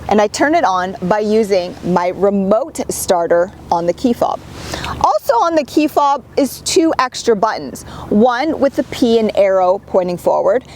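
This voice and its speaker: A woman's voice: mid-range voice, animated, a little slow, a little mellow, a little hiss or hum. A woman reviewing a car, chatty and enthusiastic as she walks through its features. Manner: chatty, enthusiastic, with little laughs. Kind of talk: upbeat car review walkthrough.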